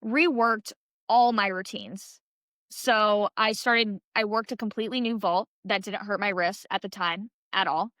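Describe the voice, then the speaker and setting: A woman's voice: mid-range voice, steady tone, unhurried, a bit bright, dry recording, clean studio sound. A young woman in her twenties, a podcast guest chatting casually and filling her story with "like" and "um". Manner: chatty, heavy use of "like" and "um". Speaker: podcast guest, college gymnast.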